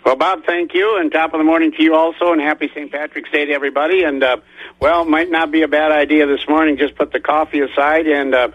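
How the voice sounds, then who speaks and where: A man's voice: fairly high pitch, level tone, quick pace, dry recording. Easygoing male market reporter, dull lo-fi line, dry sound, folksy filler-heavy delivery. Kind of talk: radio chat and market report.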